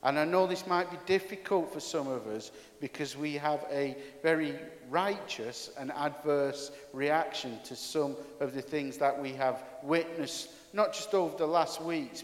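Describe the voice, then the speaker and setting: A man's voice: on the high side, unhurried. A pastor preaching a sermon to his congregation in a chatty, candid, self-deprecating way, his voice carrying a big hall echo. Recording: echoey hall with long reverb.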